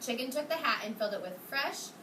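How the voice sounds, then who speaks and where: This kindergarten teacher talks fast, with a fairly high voice and lively intonation, as she reads a storybook to her young pupils indoors. She turns the reading into an interactive session, quizzing the kids and cheering them on. Picked up by a far-off mic, the sound is roomy and the classroom is noisy.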